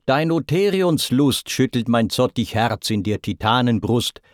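A man voicing a proud, hot-tempered male sea god, declaiming loudly in raised pitch in a dramatic verse reading. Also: expressive, unhurried, no room sound, studio quality, lightly acted. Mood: boastful.

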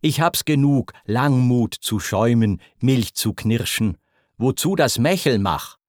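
Guy doing a fierce grim hunter ready to fight, slow, dry. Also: medium pitch, animated, darkish tone, no echo, natural voice.

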